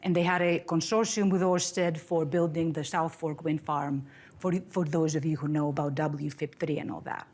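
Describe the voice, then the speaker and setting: A woman's voice: low voice, fairly even intonation, normal speed, darkish tone. A middle-aged woman from Greece giving an academic seminar talk in a conversational, friendly way, with fillers and restarts, at a podium in a lecture room. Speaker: seminar speaker, professor.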